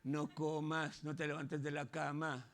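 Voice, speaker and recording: The hushed, coaxing voice of depression, as a preacher acts it out. It speaks slowly and low with a gravelly grain. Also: male voice, level tone.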